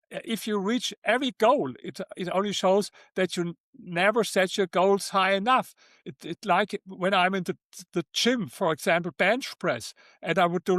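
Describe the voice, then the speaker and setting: Older German-accented man, halting, high voice. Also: a bit bright, no room sound, studio quality. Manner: halting, repeats words, non-native phrasing. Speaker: guest author. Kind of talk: interview conversation.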